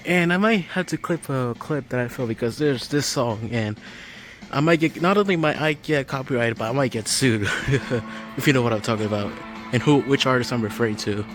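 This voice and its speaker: A vlogger with a medium-pitched voice talks a little fast, giving casual, off-the-cuff commentary as he films a walk through a large hardware store. Store music plays in the background.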